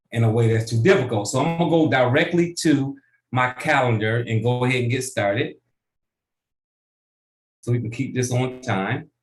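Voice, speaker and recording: A man coaching a business group through a software tutorial on a video call, casual and often checking in with "right?". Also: mid-range voice, reverberant. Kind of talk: online tutorial training.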